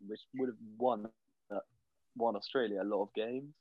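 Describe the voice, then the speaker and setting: A man's voice: on the low side, steady tone, moderate pace, no room sound. A man co-hosting a casual sports chat, playfully contrarian and rambling. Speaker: co-host. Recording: dull lo-fi audio.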